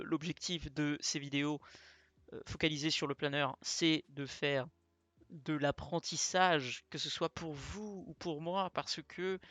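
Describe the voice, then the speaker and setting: A man's voice: on the high side, fairly bright tone, no echo. A young man talking casually through a tutorial as he shows the screen, chatty, with many fillers and asides. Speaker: flight sim streamer.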